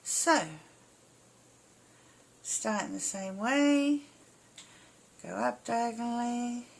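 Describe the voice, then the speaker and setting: This woman's slightly hoarse, croaky voice sits a little high as she drags out her words. She's an embroidery instructor giving a casual craft tutorial, one step at a time, in brief informal phrases.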